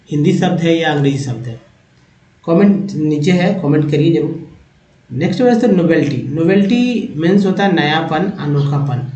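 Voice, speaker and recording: A man hosting a Hindi-language English vocabulary lesson, explaining each word slowly and repeating it, with a lift in his voice when he brings in a new word. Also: a little high, a little mellow, dull audio. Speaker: English teacher and channel host. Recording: echoey room.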